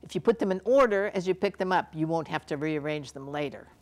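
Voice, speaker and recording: A woman's voice: low-pitched, expressive, fairly quick, a little mellow. A woman playing a confident quiz contestant who explains her answers in a matter-of-fact way.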